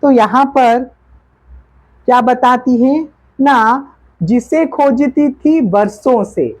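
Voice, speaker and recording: A woman teacher slowly explaining poetry lines to students, repeating words and their meanings. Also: sits high, darkish tone. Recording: dull lo-fi classroom recording.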